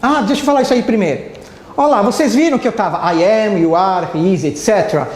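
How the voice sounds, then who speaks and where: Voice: medium pitch, fast, darkish tone, slight background noise. A Brazilian teacher giving a live online English lesson who keeps checking in with the class. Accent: Brazilian Portuguese. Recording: roomy echo.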